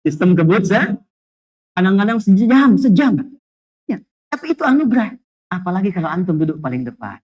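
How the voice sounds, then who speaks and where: Animated male preacher, dull lo-fi sound. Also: high-pitched, brisk, long pauses. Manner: animated storytelling with jokes and rhetorical questions; quotes Arabic phrases. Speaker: Islamic preacher. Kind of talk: lively sermon to a live congregation.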